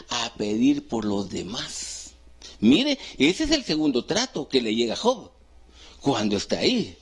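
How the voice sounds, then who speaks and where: Guy preaching a sermon, husky voice, pitch jumps all over, quizzes the crowd and answers himself. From Guatemala. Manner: call-and-response questions to the congregation; swings between loud high rises and hushed low phrases. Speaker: pastor.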